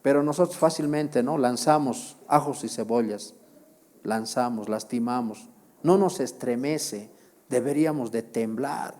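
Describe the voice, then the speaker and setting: A man's voice: mid-range voice, a little slow, dark tone. A male pastor preaching a sermon, with repeated phrases, rhetorical questions to the congregation and emphatic exclamations.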